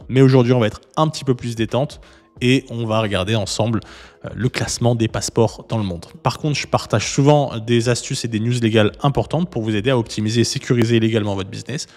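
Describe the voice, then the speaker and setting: A man hosting a casual explainer video, talking viewers through a website in a relaxed, chatty way with frequent fillers and restarts. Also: mid-range voice, in a large hall. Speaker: YouTube host, legal consultant. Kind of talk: casual explainer with screen walkthrough.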